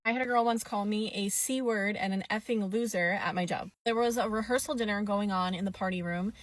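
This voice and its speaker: A woman casually retelling a rude customer at her restaurant job, incredulous and animated, laughing along. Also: mid-range voice, fairly quick. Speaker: restaurant worker. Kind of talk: casual storytime.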